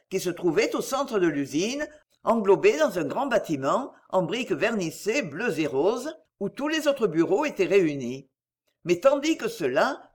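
A woman narrating a classic novel as an audiobook, in an expressive storytelling manner. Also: medium pitch.

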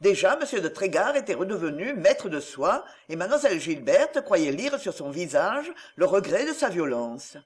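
A man narrating a classic novel as an audiobook, in an expressive storytelling manner. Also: sits high, moderate pace, hardly any pauses, slightly rough.

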